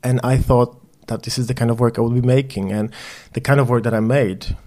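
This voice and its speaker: A Polish photographer, a guest speaking English as a second language, answers interview questions in a thoughtful, wry, self-deprecating way. His voice is medium-pitched and mellow, brisk, with fairly even intonation.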